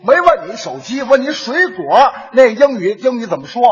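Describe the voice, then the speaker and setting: A man performing stage crosstalk as the teasing, scolding straight man, with a husky voice. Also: very high voice, very animated, moderate pace, big-room sound, highs cut off. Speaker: crosstalk comedian.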